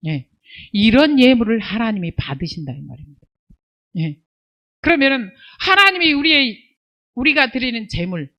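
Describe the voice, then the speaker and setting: A woman pastor preaching a sermon, asking rhetorical questions and answering them, scolding and rising to near-shouts on key points. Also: a little high. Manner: emphatic preaching with rhetorical questions and call-and-response "예".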